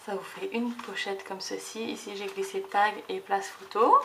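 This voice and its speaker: A woman in casual show-and-tell, chatty and hesitant, trailing into fillers as she handles paper. Her pitch sits in the middle. Faint noise and small clicks sit behind her voice. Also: steady tone, normal speed. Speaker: scrapbooking vlogger.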